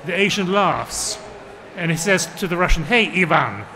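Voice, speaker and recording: A man's voice: sits high, moderate pace, gravelly, a crowd in the background. A man on a book fair panel reading his translated excerpt aloud and explaining it, voicing the characters' lines as he goes. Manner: acts out the characters' lines in shifting voices.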